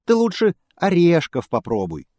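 A man voicing a small, cheeky squirrel that squeaks and teases. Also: wildly swooping pitch, normal speed, warm tone, dry recording, studio quality. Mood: teasing. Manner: squeaking, teasing.

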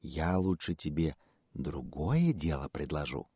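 A man's voice: extremely low pitch, expressive, a little slow, mellow, slightly rough, no room sound, studio quality, voice pushed down, exaggerated voice. A man voicing a sly female fox who talks in a coaxing, mocking way.

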